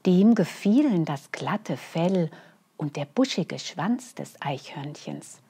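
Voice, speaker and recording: A woman storyteller reading a children's bedtime story, gently and expressively, with hushed phrase endings. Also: fairly low pitch, lively intonation, slow pace, breathy edge.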